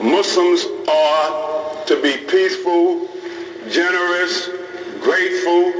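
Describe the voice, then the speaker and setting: A middle-aged imam talks plainly to a class of police recruits, leaning on repetition to make his points. His voice sits a little high for a man. It carries through a big echoing hall and reaches a microphone set some way off. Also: fairly bright tone, muffled recording. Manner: plain-spoken, repeats phrases for emphasis. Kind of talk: informal talk to police recruits. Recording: roomy hall audio from a distant mic.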